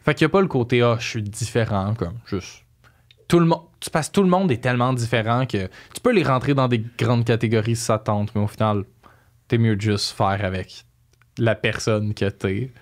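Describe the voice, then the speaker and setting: A man's voice: mid-range voice, normal speed. A young adult man with a Quebec French accent, chatting casually in slangy speech sprinkled with English phrases. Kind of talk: casual chat.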